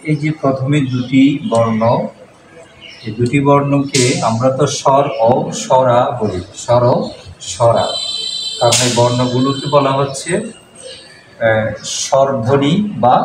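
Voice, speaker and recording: Patient monk teaching from a distant, echoey classroom. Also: male voice, mid-range voice. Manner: patient, repeats sounds slowly and quizzes the class. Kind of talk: classroom pronunciation lesson. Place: classroom with a board. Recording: echoey room, distant mic, noise.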